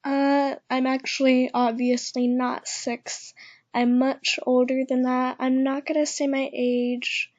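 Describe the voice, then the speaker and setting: A young woman with a lisp, talking quietly and awkwardly with many pauses in a casual vlog, keeping her voice down at home. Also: high-pitched, flat delivery. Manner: awkward, hesitant, speaking quietly to keep her voice down. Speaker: channel host. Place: echoey house, indoors. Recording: dull lo-fi home recording.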